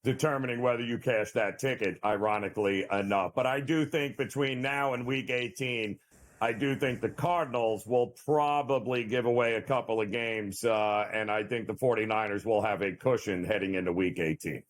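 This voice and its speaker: A man's voice: fairly low pitch, normal speed. A man co-hosting a sports betting show, talking loosely with many fillers and joking asides. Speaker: sports betting analyst, co-host. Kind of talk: sports betting analysis chat.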